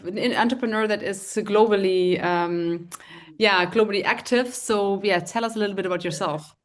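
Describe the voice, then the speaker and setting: A woman with a German accent hosting a live online interview, speaking hesitantly with many fillers. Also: medium pitch. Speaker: host.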